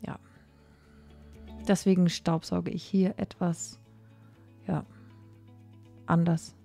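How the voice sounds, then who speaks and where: A young woman giving a casual, chatty voice-over about cleaning her home, with many fillers and pauses. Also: lowish voice, little pitch movement, gravelly, dark tone, soft background music. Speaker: cleaning vlogger.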